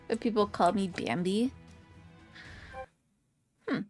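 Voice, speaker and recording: A woman's voice: mid-range voice, a little mellow. A woman in her twenties chatting casually with her stream viewers, rambling and giggly with lots of fillers. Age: 20s. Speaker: VTuber streamer.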